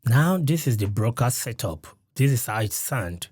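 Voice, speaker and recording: A man's voice: mid-range voice, sing-song, normal speed, a little mellow, slightly rough, no echo. Man, mid-range voice, close studio mic, explanatory gear-review delivery, very dry. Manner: explanatory, walks through settings step by step. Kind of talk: mic test demonstration. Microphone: studio condenser mic close up.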